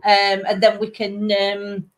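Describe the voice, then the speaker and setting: A woman's voice: medium pitch, completely flat delivery, slow pace. A British woman hosting a live stream in a casual, chatty style. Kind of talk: casual chat.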